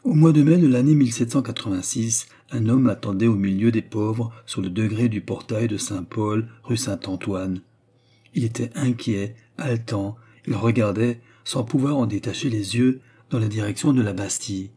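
A man narrating a classic novel as an audiobook in a steady storytelling manner. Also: fairly low pitch, moderate pace, slightly rough.

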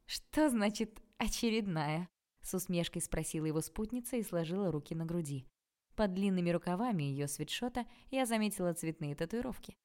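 A woman narrating a first-person novel in a lively, theatrical, ironic way. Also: on the low side, brisk. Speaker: audiobook narrator.

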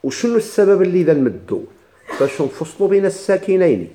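A man with a Moroccan Arabic accent briskly teaches a recitation lesson, explaining a text to the class in a sing-song way. His voice is a little high, dark, and mellow; he repeats words slowly, breaking off and restarting as he spells them, then puts questions to the class. There's slight background noise.

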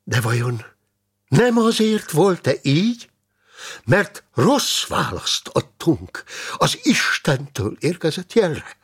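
Man doing a fervent, high-voiced monk. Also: big pitch swings, fairly bright tone, husky, exaggerated voice. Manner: high, fervent, later whispering. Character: excited male Benedictine monk, fervent preacher.

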